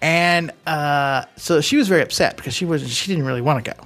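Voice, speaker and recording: This man's voice is fairly high and fairly bright, moving a little fast as he co-hosts a podcast. He casually recounts a long anecdote that wanders off into asides and backtracks to correct himself, recorded on a studio microphone plugged into a computer.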